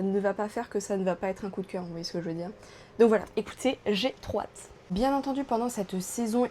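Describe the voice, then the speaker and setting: Woman, French accent, gushing casual vlog chat, soft dark tone. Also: medium pitch, slight background noise. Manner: chatty, enthusiastic, gushing. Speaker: puzzle YouTuber.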